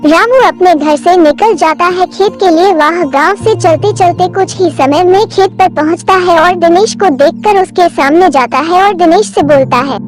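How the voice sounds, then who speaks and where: A woman's voice: very high voice, normal speed, hardly any pauses, faint music behind. A woman reading scripted narration for a cartoon story.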